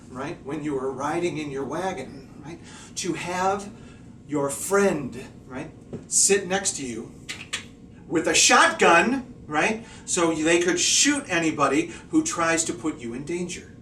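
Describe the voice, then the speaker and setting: Lively male English teacher with a fairly high voice, recorded from a distance in an echoey classroom. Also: takes it slowly, background noise. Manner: lively, checks in constantly with "okay?" and "right?". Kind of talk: classroom-style video lesson. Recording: echoey room, voice a bit far off.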